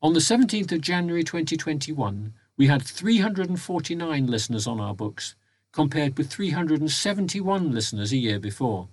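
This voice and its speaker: A man reads a prepared report in a measured, formal way, recording at home inside a wardrobe. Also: a little high, sing-song, slightly rough. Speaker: volunteer reporting to members of a local talking newspaper. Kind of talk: prepared spoken annual report, read aloud. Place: home recording inside a wardrobe, close and muffled by soft surroundings.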